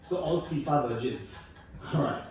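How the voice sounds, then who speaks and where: A man's voice: fairly high pitch, a little slow, distant mic, noisy background. A man in his sixties with a Singaporean English accent, doing live stand-up on a theatre stage and teasing the audience playfully. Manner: playful, teasing banter with the audience, bursts of laughter. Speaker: stand-up comedian. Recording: echoey hall, mic picked up from afar.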